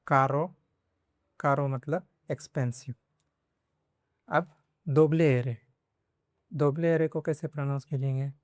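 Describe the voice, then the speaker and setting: Male language teacher, unhurried and repetitive delivery, dry close sound. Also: on the high side, warm tone, no echo. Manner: slow, repeats example words several times. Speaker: Spanish teacher. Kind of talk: language lesson in Hindi.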